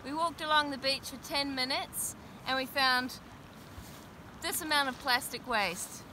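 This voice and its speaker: A woman's voice: sits high, unhurried, bright, forceful tone, slight background noise, low-quality recording. A woman marine researcher explaining her fieldwork outdoors on a shoreline, in an upbeat, explanatory way. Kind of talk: field documentary narration.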